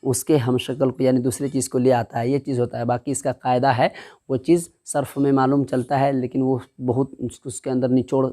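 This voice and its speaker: A man teaching Quran reading in a step-by-step lesson. He, drills the syllables slowly and asks and answers his own questions. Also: medium pitch, level tone, mellow.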